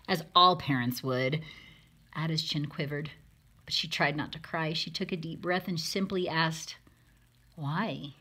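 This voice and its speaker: A storybook reader with a low, sharp, slightly rough voice reads a rhyming children's picture book aloud. She puts dramatic emphasis on the words and acts out the lines expressively.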